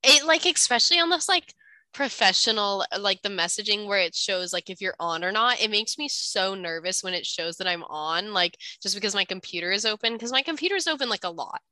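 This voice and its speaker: This young adult woman speaks at a mid-range pitch, quickly and expressively, with a pushed, bright edge and a slightly congested, nasal quality. She jokes around casually and pokes fun at herself as a podcast co-host bantering with her sibling. The audio is poor but has no echo.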